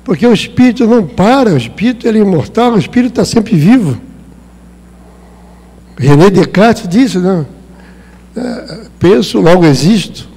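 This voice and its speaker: A Brazilian man giving a spiritist lecture in a hall with long reverb. His voice sits fairly high but sounds mellow and dark. He talks in a conversational way and acts out small exchanges. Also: animated, moderate pace, pauses often, breathy edge. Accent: Brazilian Portuguese. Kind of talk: spiritist talk.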